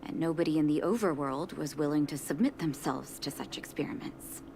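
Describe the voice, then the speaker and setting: A woman voicing a doctor in a video game, telling a story in calm, measured dialogue. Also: sits low, creaky, a little hiss or hum.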